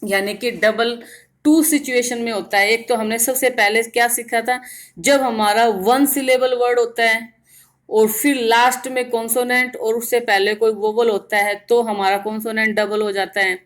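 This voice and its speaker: A woman teaching grammar in Hindi, explaining step by step and repeating words slowly to show their stress. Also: on the high side, fairly even intonation. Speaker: English teacher. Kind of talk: grammar lesson in Hindi with English terms.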